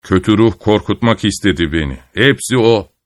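A man voicing a stubborn, grumbling old village grandfather who mutters gruffly to himself in a storybook tale. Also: on the low side, animated, normal speed, no room sound, studio quality, pitched below the performer's own voice, natural voice.

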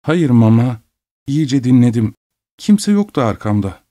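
A man voicing a tired but firm young man in an audiobook, speaking flat and steady. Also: mid-range voice, unhurried, dry recording, clean studio sound. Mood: weary. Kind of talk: audiobook reading.

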